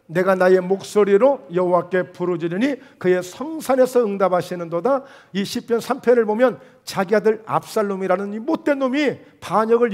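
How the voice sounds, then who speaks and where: High-voiced pastor preaching with swings. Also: male voice. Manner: animated preaching, rhetorical questions, swings between loud and hushed. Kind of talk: sermon.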